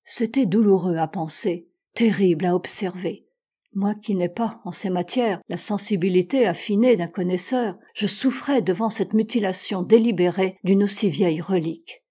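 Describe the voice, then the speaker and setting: Woman narrator for a classic mystery audiobook; measured and steady, husky voice. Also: mid-range voice. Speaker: audiobook reader. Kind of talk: literary narration.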